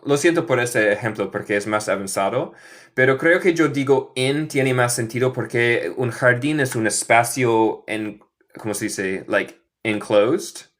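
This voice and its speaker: Male American teacher, live online class, slow careful delivery, switches between Spanish and English. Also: medium pitch, fairly bright tone. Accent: American English speaking Spanish. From Michigan. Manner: slow deliberate drilling, mixing Spanish and English.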